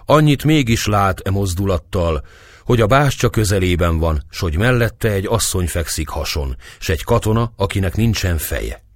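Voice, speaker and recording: A man narrating a historical novel as an audiobook, reading in a dramatic, expressive way. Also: low voice, no echo.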